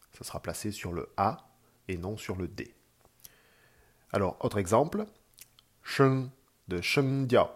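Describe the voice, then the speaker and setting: A man's voice: sits low, darkish tone. A man hosting a podcast lesson, patiently explaining pronunciation with frequent hesitations. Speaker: podcast host teaching Mandarin tones. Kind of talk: spoken language lesson.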